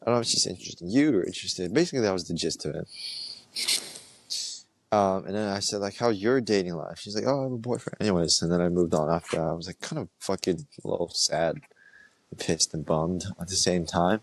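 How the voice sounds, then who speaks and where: A man's voice: sits low, fairly quick, slight background noise. A young man hosting a podcast, telling a rambling story in a casual, filler-heavy way with restarts and swearing. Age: young adult. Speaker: podcast host.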